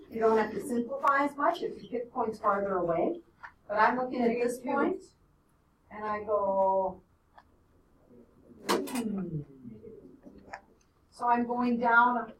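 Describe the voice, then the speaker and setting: A woman's voice: fairly high pitch, expressive, moderate pace, background noise. A woman teaching a math lesson to a class, explaining step by step and checking in with "okay?" and "right?". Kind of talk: classroom lecture. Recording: echoey classroom from a distance.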